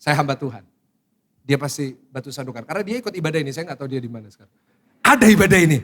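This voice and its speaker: A middle-aged man, a pastor preaching a sermon to a congregation. He tells personal stories animated delivery, acts out his own shocked reactions and asks the congregation questions. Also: medium pitch, very fast. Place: church sanctuary in front of a congregation.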